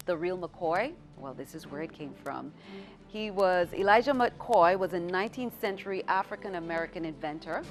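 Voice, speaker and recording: A woman with a fairly low voice anchors the news. She reads scripted items in a measured, formal way, with music running behind her. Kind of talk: scripted newscast reading.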